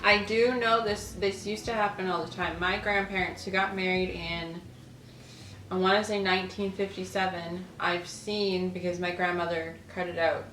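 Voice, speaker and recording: Reading aloud from an old newspaper between bits of casual chat, a lifestyle channel host talks in a lowish, slightly bright voice with a level tone and a moderate pace. Faint music sits under a roomy echo.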